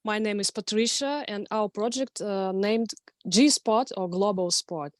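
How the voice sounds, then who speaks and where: Female presenter, mid-pitched voice, dry close recording, startup pitch. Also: measured pace, no echo. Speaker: project presenter.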